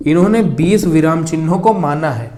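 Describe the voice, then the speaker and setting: Hindi grammar teacher dictating slowly. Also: male voice, on the high side, expressive, darkish tone. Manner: slow dictation, repeating words as he writes; explains by asking and answering his own questions. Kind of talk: whiteboard grammar lesson.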